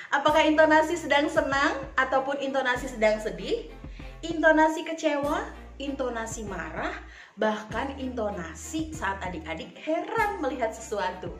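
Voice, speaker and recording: A woman teacher giving a lesson to children, speaking clearly and deliberately with lively expression. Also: fairly high pitch. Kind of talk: recorded online lesson for children. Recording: echoey room.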